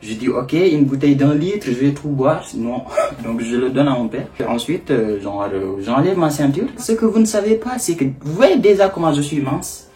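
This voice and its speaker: A young man from Senegal telling a personal story to camera in a casual, animated way. He laughs often and acts out the people he met. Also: a little high, normal speed, soft background music. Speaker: vlogger.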